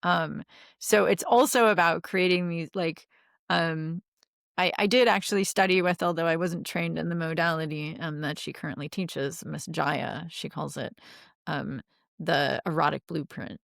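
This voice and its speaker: A woman's voice: deep voice, fairly even intonation, moderate pace, creaky, a bit bright, dry recording, studio quality. A middle-aged woman coaching on relationships in a podcast interview, chatty, with many fillers and easy laughs.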